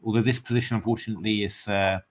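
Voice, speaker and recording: Speaking very fast in a voice on the low side, an English chess commentator reacts live to online games. He alternates between bursts of excitable cheering and musing aloud, full of fillers.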